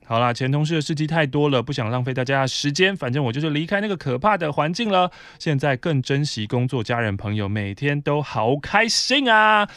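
A man's voice: fairly high pitch, animated, brisk, hardly any pauses, a bit bright, clean tone, dry recording. A man from Taiwan, a podcast host, reading a listener's letter aloud in a conversational way with brief asides.

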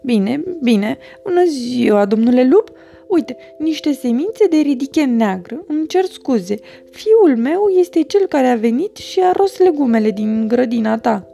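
A woman's voice: high-pitched, expressive, creaky, mellow, slight background noise, voice pushed up. A woman voicing a timid mother rabbit who speaks nervously and apologetically.

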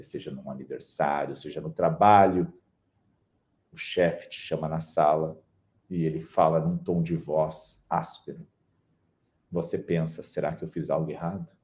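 Deep, mellow male voice, calm and measured motivational speaker. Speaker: speaker on personal development. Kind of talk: motivational talk.

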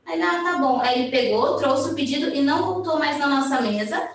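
A woman's voice: sits high, fast talker. Echoey Brazilian woman telling travel stories. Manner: animated, acts out quoted dialogue. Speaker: guest. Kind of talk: casual storytelling. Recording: echoey room, far from mic, faint noise.

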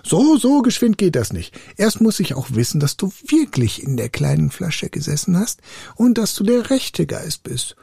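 A man voicing a fearless, quick-witted young woodcutter's son in a storybook reading, in a raised, gravelly voice. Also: high voice, dry recording, studio quality, voice pushed up, heavily acted. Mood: cunning. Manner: quick, lively, unafraid.

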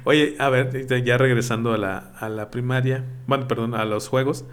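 A man's voice: mid-range voice, fairly even intonation, moderate pace. A Mexican man in casual podcast chat, recalling childhood mishaps with frequent laughter. He slips into other people's voices when he quotes them, and his voice sits mid-range. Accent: Mexican Spanish. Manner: storytelling, laughs often, acts out quoted voices. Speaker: podcast co-host.

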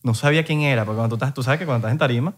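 Young man, Venezuelan accent, mid-pitched voice, blunt opinions, slangy casual podcast chat. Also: very fast. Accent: Venezuelan Spanish.

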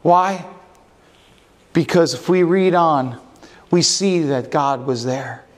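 High-voiced man preaching a sermon. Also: slow pace. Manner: asks the congregation questions and answers them; varies his pace and loudness for emphasis. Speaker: pastor.

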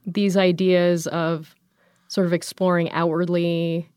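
A woman's voice: on the low side, little pitch movement, slow pace, darkish tone, clear, resonant tone, no room sound, clean studio sound. A woman in her thirties from the United States, chatting casually as an interview guest, rambling with many fillers and restarts. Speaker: guest, graphic designer.

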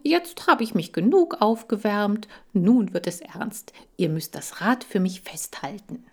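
A woman's voice: medium pitch, very animated, a little slow. A woman voicing a plucky, boastful male hamster who talks in a bold, cocky way. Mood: falsely cheerful.

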